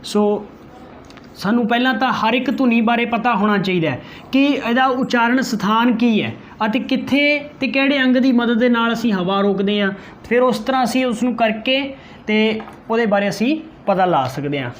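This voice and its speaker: A man with an extremely high-pitched voice teaches an exam-prep grammar lesson. He repeats key terms, slowly sounds out example letters, and answers his own questions.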